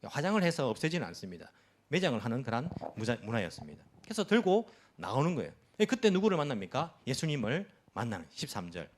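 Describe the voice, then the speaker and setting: A man's voice: mid-range voice, wildly swooping pitch, quick pace, slight background noise. A man preaching a sermon at a church service as pastor, asking the congregation rhetorical questions and explaining with everyday examples.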